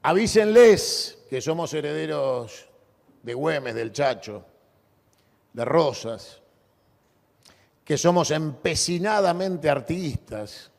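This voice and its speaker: An Argentine man giving a booming, balcony-style political rally speech, declaiming with dramatic pauses and repetition. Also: lively intonation, creaky, a little mellow. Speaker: political orator. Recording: long echoing reverb of a large venue.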